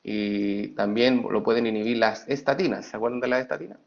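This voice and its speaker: This middle-aged man runs an online class, reading chat messages from students aloud in a playful way and then launching into his lecture. He speaks briskly with a fairly low voice and vocal fry, captured on a dull, lo-fi recording.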